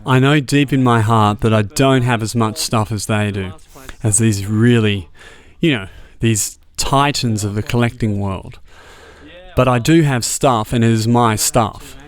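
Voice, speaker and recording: A man's voice: mid-range voice, a little slow. An Australian man who works in a record shop, speaking reflectively and thoughtfully in an interview.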